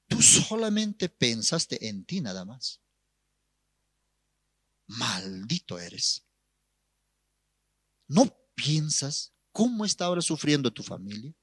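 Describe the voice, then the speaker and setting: A man's voice: a little high, very animated, normal speed, hardly any pauses, dry recording. A man voicing a blunt pastor who sternly rebukes a man in a sermon story. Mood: rebuking.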